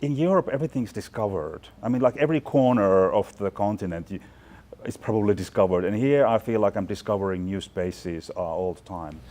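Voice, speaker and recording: A lowish, mellow voice, a little fast, belongs to a Finnish man in his forties who chairs a fashion department. As an interview guest in a big, bright indoor studio loft, he gives chatty, considered answers packed with fillers and restarts.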